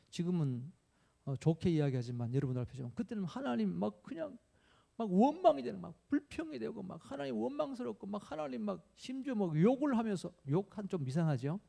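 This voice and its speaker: A man's voice: sits high, expressive, a little fast, vocal fry, mellow. A male pastor preaching a sermon, telling a personal story and acting out his own pleading, tearful prayers.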